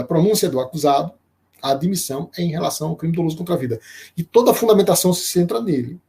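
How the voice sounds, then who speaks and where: Slightly high-voiced man lecturing live. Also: dark tone. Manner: explains slowly with many fillers and restarts, greets viewers by name. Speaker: law professor.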